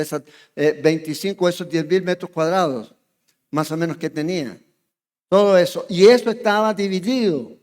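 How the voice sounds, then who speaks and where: In the big, roomy sound of a church sanctuary, a Chilean pastor with a voice that sits high delivers an expository sermon. His style is chatty, and he regularly pauses to ask his congregation questions and make sure they're following.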